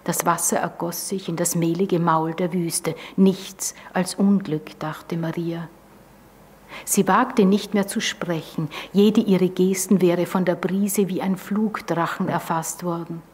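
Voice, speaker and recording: A woman with an Austrian German accent giving a calm, measured reading of a literary prose text. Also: on the low side, husky. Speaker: author reading.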